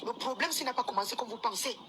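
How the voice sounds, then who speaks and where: Casting: high-voiced woman, scolding rant, traffic noise behind. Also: fast talker. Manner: scolding, insistent, repeats herself. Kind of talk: angry live video rant.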